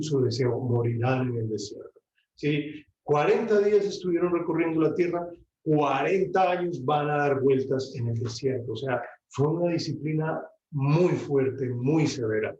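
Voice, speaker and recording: A man teaches a bible lesson in a mellow, relaxed voice. He keeps checking in with his listeners and slips into quoted voices when he retells scripture. He sounds distant, in an echoey room, on dull lo-fi audio. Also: medium pitch. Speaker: theology teacher. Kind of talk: bible class lecture.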